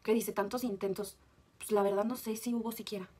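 A woman's voice: mid-range voice, steady tone, a little fast, warm tone, slightly rough. A Mexican woman vlogger, upset and agitated, talking bluntly and swearing while reacting to a song. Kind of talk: emotional video confession.

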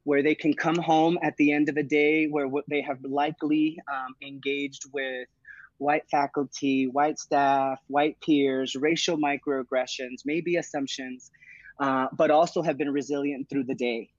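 A program director in his thirties answers interview questions over a video call from a home room with plants, earnest and thoughtful, with frequent "uh" and checks of "right?". His voice is medium-pitched, and the earbud mic gives dull, dry video-call audio.

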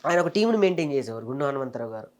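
A man in his thirties tells the story of his career as a comedian and mimicry artist, speaking quickly. His voice sits at an ordinary pitch for a man, and his delivery is lively and conversational. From Telangana, India. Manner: fast, animated storytelling. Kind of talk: casual interview storytelling.

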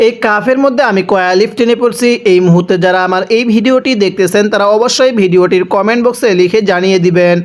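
A man from Bangladesh teaching Quran recitation step by step. He draws out each syllable slowly, explains quickly in between, and keeps asking and answering his own questions. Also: high-pitched.

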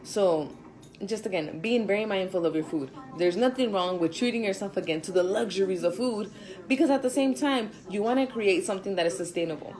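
A woman in her twenties, a fitness instructor, talking in a chatty, loud, slangy way in a casual vlog. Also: mid-range voice, a little fast, rough recording.

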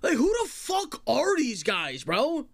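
Male streamer, young adult. Berserk rage, high strained pitch, wild swings, heavy swearing. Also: huge pitch swings, slow pace, creaky. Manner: enraged, yelling, sweary. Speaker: livestream host. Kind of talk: ranting to livestream chat. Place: small bedroom streaming setup, indoors.

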